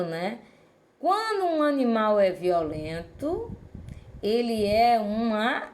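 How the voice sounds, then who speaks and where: A woman teaching a language lesson, explaining slowly and asking rhetorical questions. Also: a little high, a little mellow.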